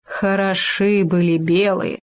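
Woman doing a hoarse pompous boar. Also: lowish voice, steady tone. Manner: pompous, slow. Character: hoarse greedy male boar.

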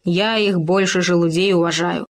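A woman voicing a hoarse, pompous, greedy male boar in a storybook. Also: fairly low pitch, steady tone, lightly acted. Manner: pompous, slow.

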